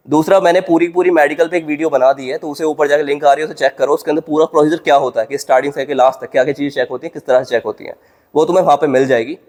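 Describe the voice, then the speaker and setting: A man's voice: fairly high pitch, darkish tone. A young man giving casual, direct advice to viewers in a vlog, recorded in a gym. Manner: brisk, informal, addresses viewers directly. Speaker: exam coaching YouTuber.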